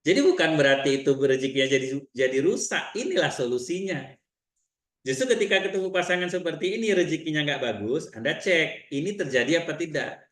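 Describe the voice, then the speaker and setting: A man with an Indonesian accent giving a seminar talk, telling client stories in lively quoted dialogue. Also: a little high, a little fast, echoey room. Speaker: seminar trainer.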